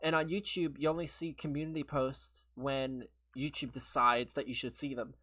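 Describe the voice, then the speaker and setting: A male streamer who's a bit congested talks with his audience while gaming, rambling and laughing between responses. His mid-range voice comes across flat, bright and forceful at a moderate pace.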